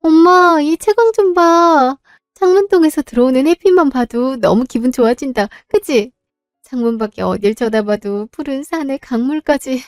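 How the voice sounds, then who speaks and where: Woman doing a teary grateful young wife, high voice, dry close sound. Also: animated, moderate pace, no room sound, faint music behind. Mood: encouraging. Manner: bright, emotional, pleading. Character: young wife caring for her sick mother, tearful and grateful.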